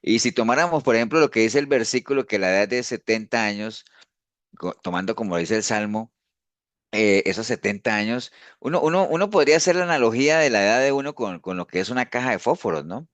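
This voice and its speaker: Expressive and fairly quick, a pastor's mid-range voice is captured in a dry recording as he gives an informal discipleship teaching. His conversational delivery is full of restarts and frequent questioning "¿no?" tags.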